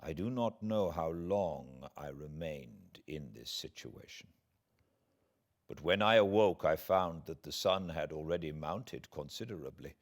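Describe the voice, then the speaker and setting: An audiobook narrator from Britain reads a classic novel in a low, expressive voice. He goes very slowly and deliberately, using theatrical pauses and swells to lend the literary prose dramatic weight in this dramatic reading.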